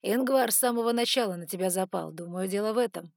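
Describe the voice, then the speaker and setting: A woman's voice: mid-range voice, fast, vocal fry, no echo, clean studio sound, close to an everyday voice. A woman voicing a sly, sarcastic male ice dragon who talks in a teasing, offhand way.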